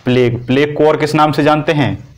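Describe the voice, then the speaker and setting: Higher-pitched man teaching a class. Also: steady tone, fairly quick. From India. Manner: repetitive, asks and answers own questions. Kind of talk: coaching class lecture.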